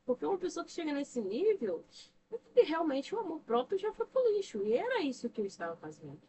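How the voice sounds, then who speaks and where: A Brazilian woman speaks with a fairly high voice, pressing her points with rhetorical questions in a preacher-like cadence. She sits a little back from the mic, and a faint hiss runs under the recording. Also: huge pitch swings, brisk, dark tone. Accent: Brazilian Portuguese. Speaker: podcast guest, church member and counselor. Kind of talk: earnest religious talk on emotional health. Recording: distant mic with faint noise.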